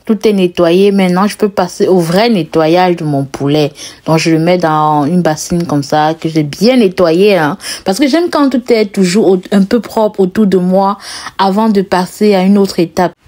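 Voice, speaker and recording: A woman's voice: on the low side, moderate pace, dark tone. A woman with a strong Cameroonian French accent hosts a casual cooking vlog. She chats as she cooks, asks her viewers questions directly, and laughs often as she talks. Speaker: cooking vlogger.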